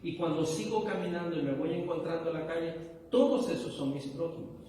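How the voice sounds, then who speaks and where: A man's voice: on the high side, brisk, dark tone. A man preaching a sermon as pastor, questioning his listeners and rising to emphatic bursts. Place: church hall. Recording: echoey hall, from far off.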